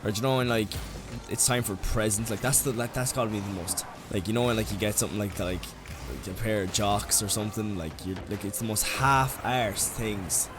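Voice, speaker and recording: A man's voice: fairly low pitch, a little fast, few pauses. Sweary young Irish man ranting over music. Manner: rambling, sweary, heavy use of "like". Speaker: vlogger. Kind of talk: comedic rant.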